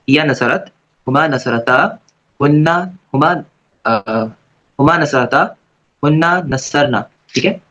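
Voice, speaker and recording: Male Arabic grammar teacher, online class lecture, casual repetitive manner, slowly chanted verb forms, muffled lo-fi sound. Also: mid-range voice, a bit bright. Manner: casual and repetitive, checking in with "theek hai?" after every point. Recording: dull lo-fi recording.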